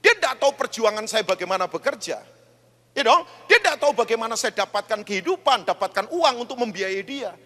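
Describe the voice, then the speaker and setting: A man preaching a sermon as pastor, telling stories and rising to shouts. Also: very high-pitched, sing-song, fairly quick. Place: large church hall. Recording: echoey church hall.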